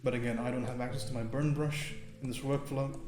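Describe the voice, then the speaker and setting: A man streaming a live painting lesson, thinking aloud in a relaxed way and often checking in with "right?" while chatting with viewers. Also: mid-range voice, fairly quick. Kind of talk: live painting tutorial with chat. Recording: roomy sound with faint music.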